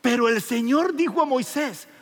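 A man's voice: very high voice, lively intonation, moderate pace, slightly rough. A male preacher giving a fervent, emphatic sermon and calling out to his congregation in a church. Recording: long reverb of a large hall.

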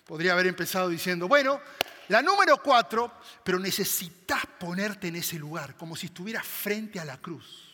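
A man delivers a sermon in a high, bright voice. He swings dramatically between loud emphatic bursts and hushed, quiet passages. A long reverb from a large hall trails his words. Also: fairly quick, hardly any pauses. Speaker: preacher.

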